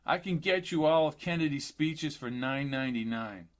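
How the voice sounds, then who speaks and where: A man's voice: fairly high pitch, moderate pace, smooth, natural voice. A man voicing an earnest young male souvenir seller in an audiobook.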